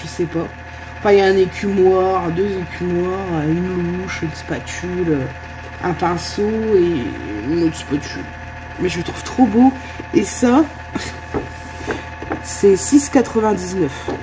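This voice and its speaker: Excitable woman vlogging at home, chatty, loud computer fan humming under her. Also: on the low side. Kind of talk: casual chat to camera. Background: computer fan noise.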